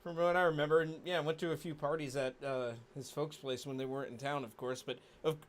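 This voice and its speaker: A man's voice: a little high, flat delivery, fast talker. A man in his forties, a stream co-host, chatting casually with easygoing, wry humor. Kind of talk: casual chat.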